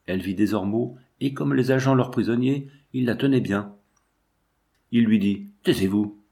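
A man reading a novel aloud in a measured, dramatic narration. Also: mid-range voice, creaky, dark tone. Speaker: audiobook narrator. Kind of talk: scripted literary narration.

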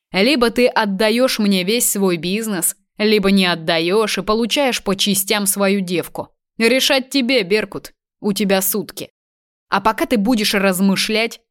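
A man's voice: sits high, a bit bright. A woman reading the part of a cruel, vengeful male kidnapper who taunts and gloats. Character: vengeful cruel young man kidnapper, mocking.

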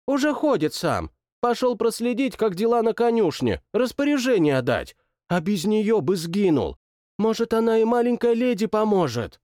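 A man voicing a blunt woman cook who scolds her master in a low mutter. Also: very animated, moderate pace, darkish tone, dry recording, studio quality. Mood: reproachful. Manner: muttering, reproachful. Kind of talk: audiobook narration.

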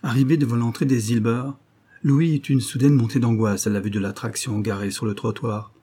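A man narrating an audiobook in a sober, measured, grave manner. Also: mid-range voice, fairly even intonation, warm tone.

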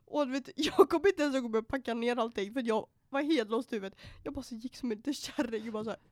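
Young female podcast co-host, fairly high voice, lively storyteller who swears and mixes in English, dry close recording. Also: dry recording. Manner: animated storytelling, quoting herself. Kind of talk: casual chat.

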